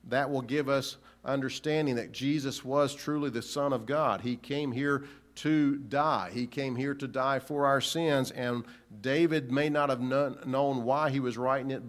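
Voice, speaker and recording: A man delivers a sermon at a middle pitch, earnest and searching. He keeps posing rhetorical questions to the congregation. His phrases often halt and restart mid-thought. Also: steady tone. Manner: halting restarts. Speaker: preacher.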